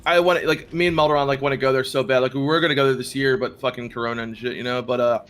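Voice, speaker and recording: American man, quick, mid-pitched, excitable swearing gamer chat. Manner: fast, excitable, heavy swearing. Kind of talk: casual chat while gaming.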